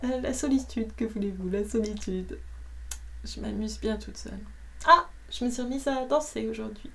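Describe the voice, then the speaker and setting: A woman who reads books aloud, chatting casually at the end of a reading, soft and rambling, sometimes slipping into whispers, at home. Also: fairly high pitch, normal speed, vocal fry. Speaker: audiobook reader. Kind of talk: casual closing chat.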